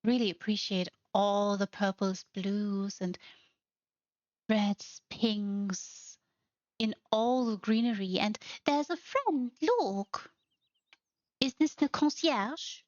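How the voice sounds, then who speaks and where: A woman hosting a tour of a game house, gushing with lavish praise at a slow, deliberate pace and sometimes slipping into playful baby-talk. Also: medium pitch, a little mellow, no room sound, dull audio. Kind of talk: casual tour commentary.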